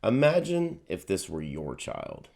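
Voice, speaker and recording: Male host, lower register, animated and earnest, scripted intro read. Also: measured pace, gravelly.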